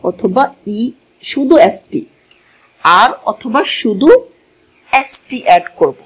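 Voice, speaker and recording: Slow, patient woman teaching grammar. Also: on the high side, fairly bright tone, slightly rough, poor audio. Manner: slow, repeats key words and asks the class questions; switches between languages mid-lesson. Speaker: English teacher. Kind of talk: classroom grammar lesson. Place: classroom with a board.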